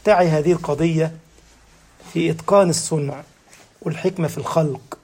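A man's voice: a little high, fairly even intonation, a little fast, darkish tone, a little hiss or hum. A man with an Egyptian accent giving a sermon, who keeps asking the congregation rhetorical questions and answering them himself. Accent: Egyptian Arabic. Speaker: preacher.

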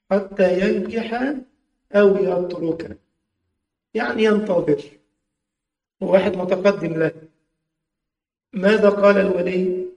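A man's voice: high-pitched, vocal fry, darkish tone. A man with an Egyptian accent giving a religious lesson, explaining rulings step by step and repeating key phrases with colloquial asides. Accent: Egyptian Arabic. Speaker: religious teacher. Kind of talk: Islamic jurisprudence lesson. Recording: echoey hall with long reverb.

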